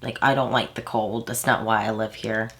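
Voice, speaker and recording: Her voice is very deep and a bit bright, with fairly even intonation and a moderate pace. This woman in her thirties, a Houston, Texas beauty vlogger, chats through a makeup tutorial for her channel. Allergies make her sound stuffy and nasal, and she rambles into asides with many fillers.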